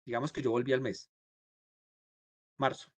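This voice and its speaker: A man from Colombia walks his class through code one step at a time, often stopping to ask if everyone follows. His voice sits in a middle pitch, and the sound is dry, with no room echo. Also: level tone, moderate pace, slightly rough. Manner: explains step by step, asks students ¿sí? and ¿cierto?; acts out the computer's replies in quotes. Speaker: programming instructor. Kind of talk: live coding class.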